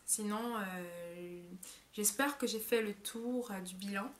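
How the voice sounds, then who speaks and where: A woman's voice: mid-range voice, slow, a little hiss or hum. Rambling young French-speaking woman vlogging. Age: young adult. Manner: rambling, many hesitations and self-corrections. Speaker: au pair vlogger. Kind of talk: casual vlog monologue.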